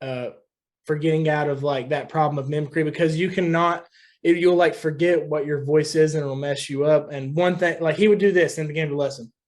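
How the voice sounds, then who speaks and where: Rambling young man, slightly high voice. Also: steady tone, fairly quick, darkish tone. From West Virginia. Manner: rambling, loose, says "dude" often. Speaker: guest musician. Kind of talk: casual podcast chat.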